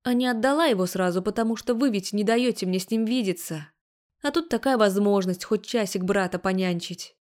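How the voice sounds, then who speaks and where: A woman's voice: mid-range voice, fairly quick, a little mellow, natural voice. A woman voicing a defiant young woman, a grown daughter who speaks sarcastically and firmly, in an audiobook. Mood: sarcastic tearful. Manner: sarcastic, firm.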